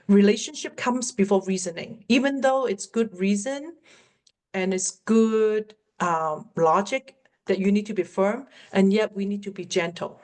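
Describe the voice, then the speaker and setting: With a mid-range, slightly mellow voice, a middle-aged woman with a Cantonese accent takes questions as a workplace communication coach in a webinar. Cantonese is her native language. She speaks in an encouraging, earnest way and slows to underline key ideas.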